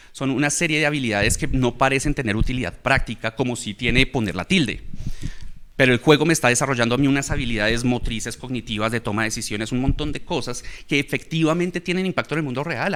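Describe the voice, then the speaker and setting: A man's voice: mid-range voice, quick pace, fairly bright tone. Guy explaining how kids learn, chatty, keeps checking "¿sí?" w the audience. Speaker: guest speaker on education. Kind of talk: conversational talk.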